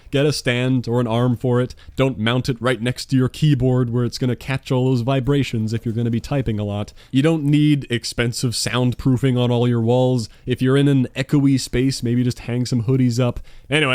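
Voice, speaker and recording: A man's voice: mid-range voice, a little mellow, dry recording. A man in his twenties, a gaming YouTuber answering viewer questions in a casual monologue, with dry, sarcastic, self-mocking humor, recorded at home on a dynamic studio mic. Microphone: dynamic studio mic on a stand.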